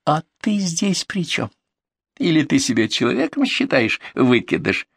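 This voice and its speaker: A man's voice: a little high, sing-song, unhurried, gravelly, breathy edge, voice pushed up, full character voice. A man voicing a tough young male paramedic who speaks in a threatening, scornful way, in a storybook reading.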